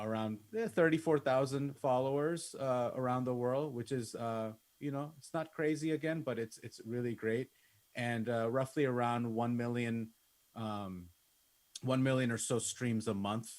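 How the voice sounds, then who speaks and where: A Bangladeshi musician and music producer in his thirties, with a lowish voice, gives a masterclass to an online class from indoors on a video call. He talks about his life casually and conversationally, sprinkling in lots of "like" and "you know."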